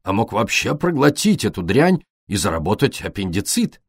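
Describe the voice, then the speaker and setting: A red-faced old army colonel in a storybook, bellowing and then muttering gruffly, as a male reader acts him out. Loud, slow, ill-tempered outbursts with lively swings of pitch. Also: dry recording, studio quality. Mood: grumbling. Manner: roaring, grumbling.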